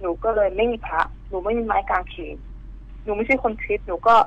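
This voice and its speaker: A woman's voice: mid-range voice, fairly even intonation, brisk. A woman calling in to tell a ghost story, earnest and polite, narrating in careful detail over the phone. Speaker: caller telling a ghost story. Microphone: telephone. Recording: muffled phone line.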